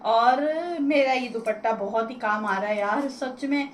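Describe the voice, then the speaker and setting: A woman's voice: on the high side, unhurried, a little hiss or hum. A woman, chatting casually to viewers in a home vlog. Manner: chatty, addresses viewers directly. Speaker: vlogger. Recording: echoey room with faint ambience.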